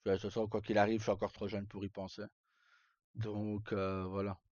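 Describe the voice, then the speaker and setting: A man with a lowish, slightly mellow voice speaks in a level tone at normal speed, chatting casually to viewers on a livestream. His unscripted talk is sweary, colloquial, and broken into short phrases; the recording is dull and roomy, with faint game music.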